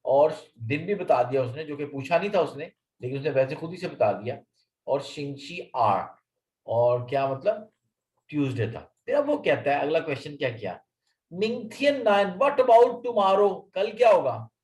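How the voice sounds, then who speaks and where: Male tutor, upbeat teaching delivery, lively voice, repeats and checks in often. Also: medium pitch, moderate pace. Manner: explains patiently, repeats, keeps checking understanding. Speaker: language teacher. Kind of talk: online lesson explanation.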